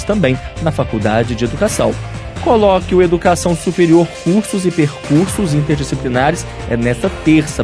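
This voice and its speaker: A man with a mid-range voice reads a scripted news bulletin for university radio. He sounds clear, steady and like an announcer, and faint music plays behind him.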